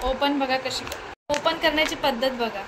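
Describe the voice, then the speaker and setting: A woman's voice: high-pitched, normal speed. A young woman with a Marathi accent, chatting casually to her viewers at home as she goes through her chores and coaxes her baby. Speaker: vlogger, mother of a baby. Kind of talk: casual home vlog chat. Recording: noisy home phone recording.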